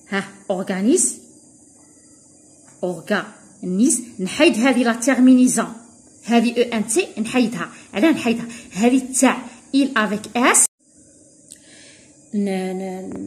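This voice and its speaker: A woman with an Algerian Arabic accent gives a recorded revision lesson for primary pupils. She explains in dialect, slowly dictates French sentences and spells word endings letter by letter. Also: a little high, a little mellow. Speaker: primary school teacher.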